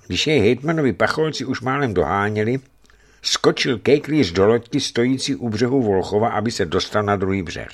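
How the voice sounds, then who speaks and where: Male audiobook narrator, low voice, lively dramatic reading. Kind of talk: scripted narration of a novel.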